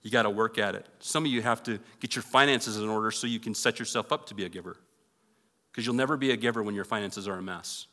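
A man's voice: fairly low pitch, fast, bright, forceful tone, in a large hall. A male pastor preaching a conversational sermon in a church and leading an earnest prayer. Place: church sanctuary.

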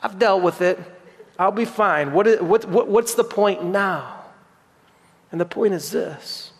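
High-voiced pastor preaching in a reverberant hall. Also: male voice, unhurried. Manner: earnest preaching, repeats phrases for emphasis. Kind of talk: sermon.

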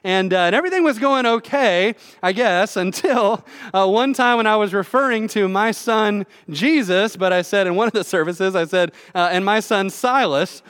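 A man's voice: sits high, normal speed, few pauses, fairly bright tone, clean tone. A man preaching a sermon as pastor from a church stage at a pulpit microphone, in a chatty, conversational way with filler words.

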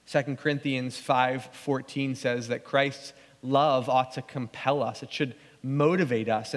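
Earnest male pastor in a reverberant church. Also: mid-range voice. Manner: earnest, conversational preaching with restarts. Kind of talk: sermon. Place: church sanctuary. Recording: long church hall reverb.

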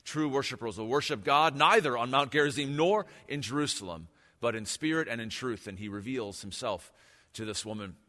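A pastor speaks at a pulpit microphone in a church sanctuary, his bright voice trailing off into a long hall reverb. He preaches in a relaxed, conversational and reflective way, as if thinking aloud with his congregation. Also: medium pitch, brisk. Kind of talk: sermon.

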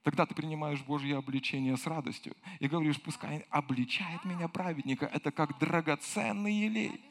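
A male pastor preaching a sermon with fervor. He repeats phrases for emphasis and swings from hushed tones to loud cries. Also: fairly high pitch, fairly quick.

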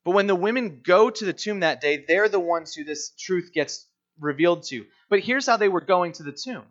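A male pastor with a fairly high voice delivers a lively, conversational sermon. He moves between reading scripture and playful asides, putting on quick voices for the people in the story. The recording sounds a little dull and lo-fi. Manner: conversational, animated, acts out quoted voices.

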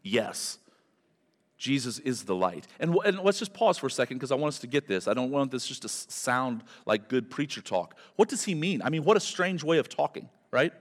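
A man's voice: mid-range voice, very animated, brisk. Pastor guy preaching into a pulpit mic, emphatic, voice ringing out in a big church hall. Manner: emphatic preaching, builds to fervent repetition. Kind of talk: sermon. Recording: long hall reverb from a church.

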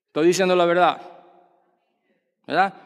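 A man's voice: sits high, fairly even intonation, normal speed, clean tone. A man preaching a sermon, projecting his voice and asking the congregation rhetorical questions. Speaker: pastor. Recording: long reverb of a church hall.

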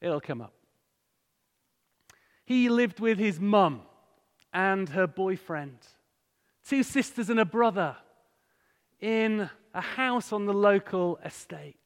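A high-voiced man with a northern English accent speaks to a congregation in a big, reverberant hall. He delivers a sermon-style talk at an unhurried pace, moving between storytelling and conversational rhetorical questions. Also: lively intonation. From Hull, England. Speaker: guest speaker at a church. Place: large church hall, live talk to a congregation. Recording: echoey hall with long reverb.

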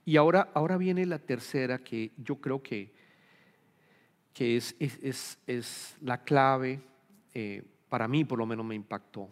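A man's voice: mid-range voice, a little slow. A man preaching a sermon as pastor, earnest, acting out quoted prayers in a pleading voice, with many restarts of his words. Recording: long hall reverb.

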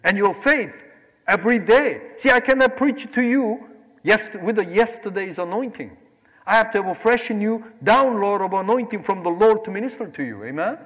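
High-voiced Korean-born man preaching in a hall. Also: moderate pace. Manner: animated, swings between loud exclamations and quiet asides. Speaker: pastor. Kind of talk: sermon.

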